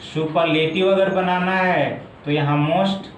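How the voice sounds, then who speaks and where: High-voiced man teaching grammar. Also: fairly even intonation. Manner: slow, step-by-step explaining, repeating each word form. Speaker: English teacher. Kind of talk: explaining grammar in a video lesson. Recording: echoey room with faint background noise.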